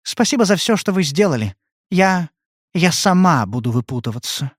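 In an audiobook character reading, a man voices a frightened young woman who is pleading, pitching his somewhat high voice above his natural range. He sounds soft and trembling, with big swings in pitch at a moderate pace. The recording is dry, with clean studio sound.

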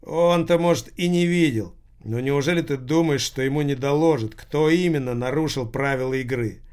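A man's voice: fairly high pitch, normal speed, a little mellow, smooth, lightly acted. A man voicing a playful, mocking male retail businessman in an audiobook, speaking in a teasing tone.

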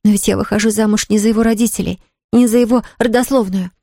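A woman's voice: mid-range voice, fairly even intonation, quick pace, mellow, dry recording, studio quality, close to an everyday voice. A woman voicing a distraught young woman who pleads in a trembling voice, near tears. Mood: pleading.

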